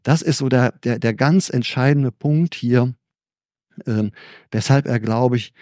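A man preaching in a loose, conversational way, often restarting sentences and checking in with his listeners. His voice sits at an everyday middle pitch and jumps up when he grows enthusiastic. The sound is close and dry, with no room around it. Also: a little slow, dark tone, no echo. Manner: conversational, frequent restarts and tag questions "ne?". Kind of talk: informal sermon.

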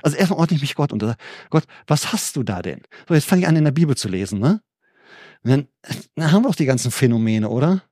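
A man preaching in a loose, conversational way, often restarting sentences and checking in with his listeners. His voice sits at an everyday middle pitch and jumps up when he grows enthusiastic. The sound is close and dry, with no room around it. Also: big pitch swings, fast, darkish tone, no echo. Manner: conversational, frequent restarts and tag questions "ne?". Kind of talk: informal sermon.

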